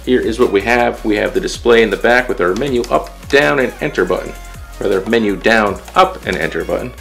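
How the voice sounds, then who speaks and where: A man with a low, gravelly voice talks loosely through a gear review, thinking out loud as he fiddles with equipment. Soft music plays faintly behind him in an indoor room. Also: brisk. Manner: loose and chatty, thinking aloud while setting up gear. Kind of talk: casual product review vlog.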